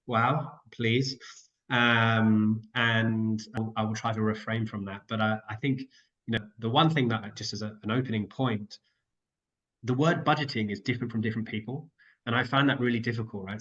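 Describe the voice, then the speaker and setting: A guest carer and co-founder with a cold chats casually on an online panel over a video call, his nasal voice fairly low in pitch yet fairly bright, and the recording muffled. He rambles, interrupts himself and keeps apologising.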